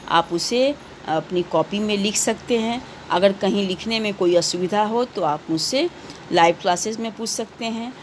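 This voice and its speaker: A woman's voice: medium pitch, slight background noise. A woman teaching a recorded class to children, reading out questions and patiently repeating the answers.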